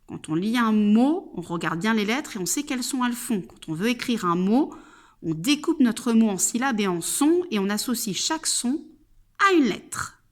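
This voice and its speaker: A woman's voice: fairly high pitch, lively intonation, normal speed. A woman teaching children to spell, patiently sounding out each syllable and reassuring them.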